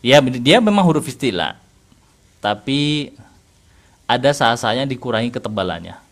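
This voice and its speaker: An Indonesian man with a mid-pitched voice runs an online Quran recitation class. He corrects his student patiently, asks leading questions and chuckles now and then as he explains. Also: very animated, moderate pace. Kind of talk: interactive online recitation lesson.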